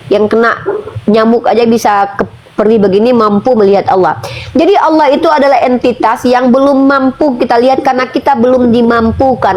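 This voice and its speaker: Woman arguing with rhetorical questions. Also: fairly high pitch. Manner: forceful, rhetorical questions, slows for emphasis. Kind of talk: debate argument.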